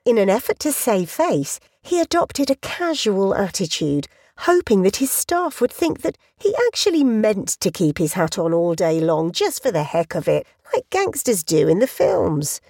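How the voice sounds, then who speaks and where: A woman narrating a children's storybook aloud, expressive, slowing down for emphasis. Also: breathy edge, no echo, clean studio sound. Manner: expressive, sweeping pitch with slowed emphasis.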